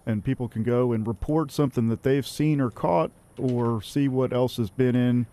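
A man's voice: medium pitch, moderate pace, warm tone. A man speaking as a fisheries guest on a casual radio show, articulate and upbeat. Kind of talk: casual radio interview talk.

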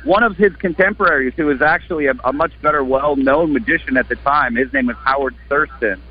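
Earnest magician guest on radio. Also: male voice, mid-range voice, brisk, husky. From Wisconsin, United States. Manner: earnest, enthusiastic, often restarting. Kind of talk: radio interview answers. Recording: slightly muffled radio broadcast.

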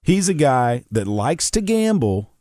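A man's voice: medium pitch, sing-song, unhurried, a little mellow, no room sound. A man hosting an interview, asking short questions and prompting the guest. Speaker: host.

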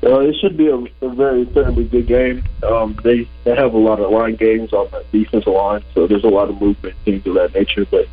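Husky young man on a phone line. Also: lowish voice, fairly even intonation, a little fast, few pauses, soft background music. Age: young adult. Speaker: college football player being interviewed. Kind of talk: casual interview answers. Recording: muffled phone line on radio.

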